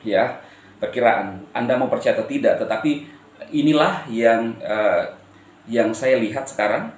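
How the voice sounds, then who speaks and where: A man from eastern Indonesia addressing his viewers as a channel host, with a firm intonation that can sound stern even when he is calm. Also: mid-range voice, reverberant, a little hiss or hum. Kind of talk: direct-to-camera address to viewers.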